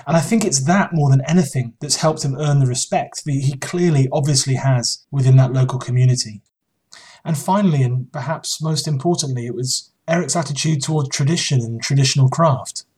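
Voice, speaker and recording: A man hosts a podcast, asking questions and then summing up his thoughts in a measured, earnest manner. His voice sits at a middle pitch. He sounds reflective and engaged. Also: darkish tone, breathy edge. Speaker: podcast host. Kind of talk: interview and reflective monologue.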